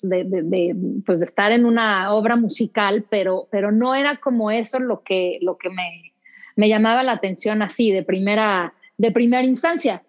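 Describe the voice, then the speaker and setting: A woman with a Mexico City Spanish accent talks as a guest in a relaxed interview, rambling through her story with plenty of restarts. Her voice sits at a middle pitch. The recording sounds dull and lo-fi. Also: moderate pace. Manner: chatty, many restarts and fillers. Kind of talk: casual interview conversation.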